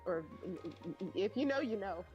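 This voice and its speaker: A woman's voice: mid-range voice, expressive, measured pace, a little mellow, muffled recording, soft background music. A woman co-streamer in casual chat, teasing and blunt, laughing often.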